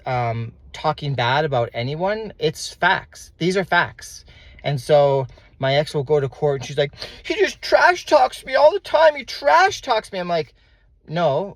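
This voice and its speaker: A young man talking to the camera as a father, earnest and emotional, with lots of ums and pauses. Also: medium pitch, dry recording. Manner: emotional, earnest, with many fillers. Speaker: father vlogger. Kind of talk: personal vlog rant.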